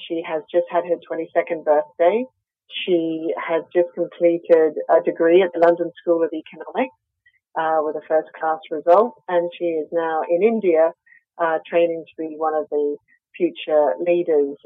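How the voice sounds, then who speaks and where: An Australian woman who founded a company is interviewed over a tinny phone line, her speech full of hesitant fillers. Her voice sits low, and the recording is dry.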